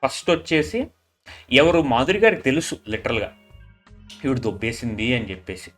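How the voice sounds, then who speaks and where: A man's voice: medium pitch, very animated, moderate pace, fairly bright tone, faint music behind. A man recapping a reality show episode in casual chat, mixing English into Telugu with a Telugu accent and acting out the contestants' quarrels in quoted lines. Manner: mixes English into Telugu, repeats "literally" often, retells quarrels in quoted lines.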